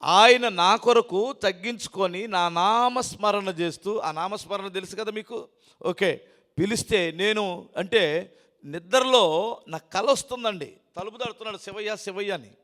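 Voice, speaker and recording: High-voiced man preaching with emphatic swings. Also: unhurried. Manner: emphatic, rising to loud declarations then dropping low. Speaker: pastor. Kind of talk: sermon. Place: church hall.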